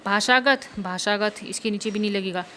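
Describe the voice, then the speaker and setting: A woman's voice: mid-range voice, moderate pace, sharp tone, a little hiss or hum. A woman teacher going through Hindi spelling corrections, spelling out words letter by letter.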